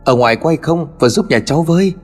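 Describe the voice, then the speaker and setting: A man's voice: a little high, animated, fast, big-room sound, soft background music, voice pushed up. A man voicing a panicked young woman crying over her father. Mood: distraught. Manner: sobbing, pleading.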